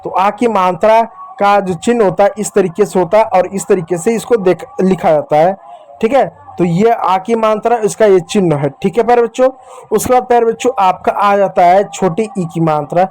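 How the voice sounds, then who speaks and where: Male teacher, high voice, patient and repetitive, slow drill of letter sounds for beginners. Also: darkish tone, a little hiss or hum. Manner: patient, drills sounds slowly and repeats them, addresses viewers as children. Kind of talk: beginner Hindi reading lesson.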